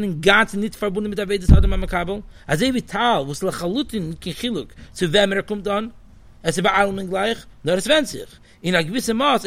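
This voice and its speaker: Guy teaching torah, sing-songy, high voice, lots of ums. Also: vocal fry. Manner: animated, sing-song explaining with many fillers. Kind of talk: Talmudic study lesson.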